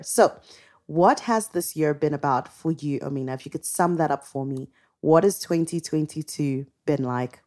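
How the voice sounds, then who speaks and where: A young woman co-hosting a podcast, chatting in a bubbly, expressive way. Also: low voice. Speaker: podcast co-host. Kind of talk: casual podcast chat.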